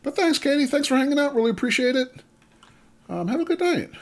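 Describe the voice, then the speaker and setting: Playing a game live, a streamer chats informally with his audience, reading out messages and saying hello to people by name. He talks fast in a very high-pitched, very animated voice.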